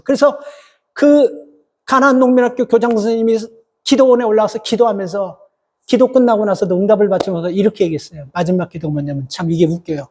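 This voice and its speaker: A man, a pastor, preaching a Sunday sermon in an emphatic manner, talking straight to the congregation with rhetorical questions. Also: mellow. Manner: acts out biblical quotes with rising, heated pitch.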